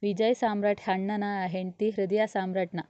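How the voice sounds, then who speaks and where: Woman voicing sarcastic younger sister, indignant, mellow voice, dry, slightly dull audio. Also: mid-range voice, flat delivery, moderate pace, dry recording, close to an everyday voice.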